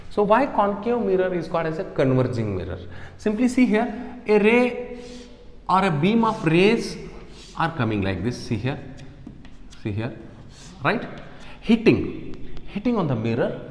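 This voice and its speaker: A man with an Indian accent teaching a physics lesson, repeating key phrases and often putting questions that he answers himself. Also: fairly high pitch. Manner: repeats phrases, asks and answers own questions, checks understanding. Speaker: science teacher. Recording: echoey, reverberant room.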